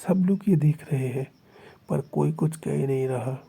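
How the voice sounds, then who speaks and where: A man's voice: medium pitch, a little slow, vocal fry, mellow, breathy edge. A man narrating a fan fiction story aloud in a dramatic, emphatic way. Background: faint music.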